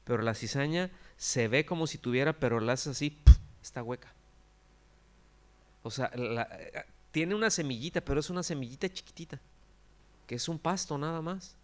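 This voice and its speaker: A man's voice: a little high, moderate pace, a little mellow. A man, a pastor giving a conversational sermon full of rhetorical questions to his congregation. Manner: acts out quoted characters with exaggerated cries.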